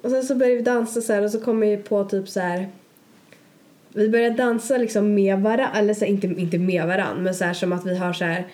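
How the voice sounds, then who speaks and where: A woman's voice: medium pitch, steady tone, darkish tone. A young woman casually telling a long story on a podcast, rambling with many fillers and acted-out quotes. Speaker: podcast co-host.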